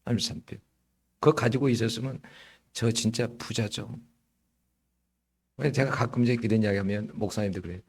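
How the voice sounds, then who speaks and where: A middle-aged man preaching a sermon as pastor, slightly hoarse, telling stories in a lively way and often checking in with the congregation. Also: fairly low pitch, fairly quick, long pauses. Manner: lively storytelling with frequent rhetorical "응?".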